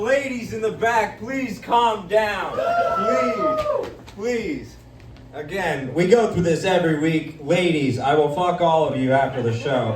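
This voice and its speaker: A man hosts a live stand-up roast in a brash, crude, mock-pompous way. His voice sits high. It comes from a little off the mic in an echoey room with faint noise behind. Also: recorded from a distance. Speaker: comedy show host. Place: comedy stage in a dispensary.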